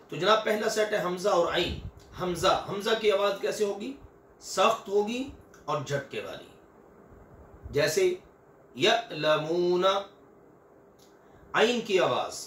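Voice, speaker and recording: A man's voice: on the high side, a bit bright, echoey room, far from the mic, slight background noise. An older man teaching Quranic recitation, patiently repeating and stretching each example sound. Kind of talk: recitation lesson with drawn-out examples.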